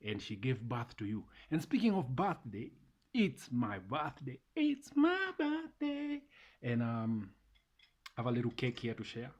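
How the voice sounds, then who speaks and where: A man, talking casually and warmly to viewers in a motivational vlog, repeating phrases for emphasis. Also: mid-range voice, slightly rough, muffled recording. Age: 30s. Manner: repeats phrases, mixes in Swahili. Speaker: vlogger.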